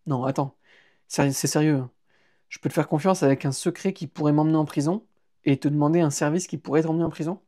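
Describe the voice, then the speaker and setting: A man's voice: fairly high pitch, fairly even intonation, fast, warm tone, lightly acted. A man voicing a bold, earnest young woman thief in an audiobook, speaking insistently. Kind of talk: audiobook character voice.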